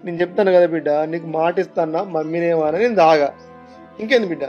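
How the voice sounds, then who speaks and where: A man's voice: on the high side, fast, lo-fi sound, faint music behind, lightly acted. An actor with a Telangana Telugu accent playing a remorseful father who drinks, pleading and coaxing with his daughter. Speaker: actor in a family web drama. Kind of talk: dialect family drama acting.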